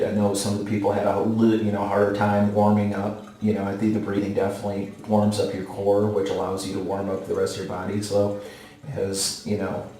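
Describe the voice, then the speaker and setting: A man in his forties talks casually to the camera like a vlogger, with halting, unhurried delivery. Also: on the low side, mellow. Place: small tiled bathroom, sitting in a bathtub. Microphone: camera or phone a short distance away. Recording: very echoey tiled bathroom.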